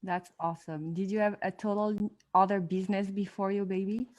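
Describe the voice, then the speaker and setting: A woman hosts a live interview over a video call, keen and upbeat as she draws out her guest. Her voice sits at a plain middle pitch. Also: steady tone, fairly quick, darkish tone. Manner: enthusiastic, eager. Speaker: host.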